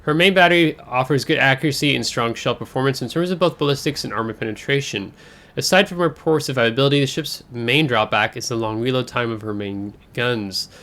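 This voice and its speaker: A man's voice: medium pitch, fairly quick, fairly bright tone. A man hosting a casual game overview, talking in a chatty, rambling way with fillers and self-corrections, his voice a bit congested from air travel. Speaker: gaming channel host.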